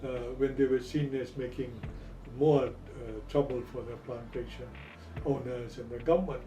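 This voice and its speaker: A man explains in an interview, halting and measured, with an academic manner. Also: mid-range voice, steady tone, mellow. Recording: roomy, distant, noisy pickup.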